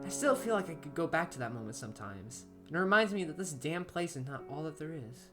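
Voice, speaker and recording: A low-voiced woman rushes through a horror story, narrating in an amateurish but dramatic way with highly animated intonation. Gentle music plays beneath her.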